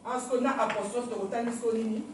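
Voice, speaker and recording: A woman's voice: on the high side, steady tone, brisk, noisy background. Woman teaching in an echoey classroom. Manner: drills words aloud and checks in with "ya?". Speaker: language teacher. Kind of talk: classroom pronunciation lesson. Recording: very echoey room, far from the mic, faint ambience.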